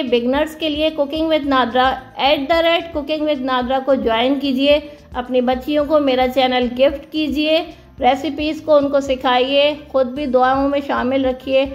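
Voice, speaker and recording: A woman hosting her own cooking channel, chatting warmly through a recipe voice-over and offering blessings to her viewers. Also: sits high. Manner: warm, chatty, full of blessings and praise.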